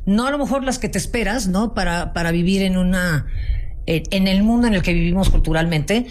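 A woman's voice: mid-range voice, fairly quick. A woman with a Mexico City Spanish accent, a guest telling her story in a casual interview, passionate and full of restarts. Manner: warm, passionate storytelling with many restarts and fillers. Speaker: guest, founder of a folk art business.

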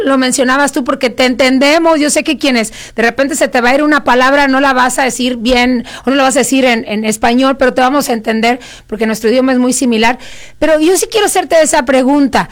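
Woman host asking questions, high voice, keeps repeating herself. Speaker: interviewer. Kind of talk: event interview.

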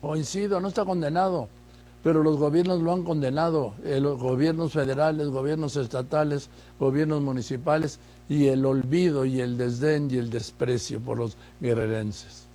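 A man's voice: on the high side, steady tone, moderate pace, mellow. A man interviewing a politician, asking pointed, probing questions.

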